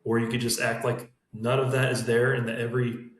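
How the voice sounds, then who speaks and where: A man talking fast in a casual team podcast chat, recorded in an emptied room with an echo. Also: medium pitch, little pitch movement. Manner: talks fast in long run-on thoughts. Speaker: sales team member. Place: room emptied out with bare walls. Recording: echoey bare room.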